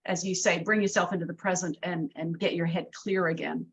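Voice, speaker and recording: A woman's voice: on the low side, steady tone, a little fast, gravelly, breathy edge. A middle-aged woman leading an art workshop discussion, encouraging, often restarting her sentences. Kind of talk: casual group discussion.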